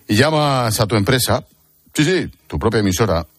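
A man's voice: medium pitch, lively intonation, normal speed, dry recording, studio quality. A man with an accent from Spain hosting radio, with casual banter and programme previews. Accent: Spanish, from Spain. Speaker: radio host. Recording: loud music behind. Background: music.

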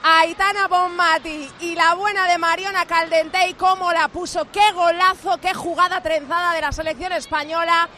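Bright, very high-pitched Spanish female commentator. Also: steady tone, moderate pace, slight background noise. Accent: Spain Spanish. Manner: exclamatory. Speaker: football commentator. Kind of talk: excited live football commentary.

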